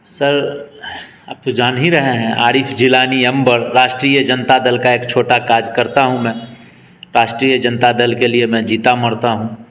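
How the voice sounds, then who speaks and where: A man's voice: medium pitch, level tone, normal speed, fairly bright tone. A man in his twenties, a local party worker, speaking emphatically in a political interview. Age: 20s. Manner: emphatic, rallying speech cadence. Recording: long reverb.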